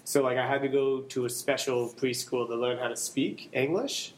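A man's voice: medium pitch, fairly even intonation, normal speed, a little hiss or hum, poor audio. Podcast guest, male, from Long Island, loose and rambling delivery. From Long Island, New York. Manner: rambling, self-correcting, many fillers. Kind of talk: casual podcast chat.

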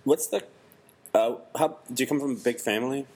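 A man hosting a podcast interview in a casual, halting way, with frequent ums and laughs. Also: medium pitch, darkish tone, husky. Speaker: podcast host.

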